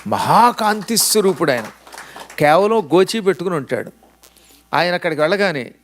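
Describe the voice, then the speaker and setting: A man delivers a storytelling sermon in a high-pitched voice. He acts out the dialogue of gods and goddesses and slows down to chant sacred verses. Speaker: religious discourse speaker. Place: lecture venue in the US.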